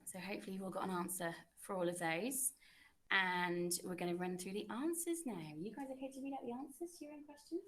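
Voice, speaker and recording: A woman's voice: mid-range voice, brisk, fairly bright tone. Encouraging woman teacher running a quiz. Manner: encouraging and chatty. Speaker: French teacher.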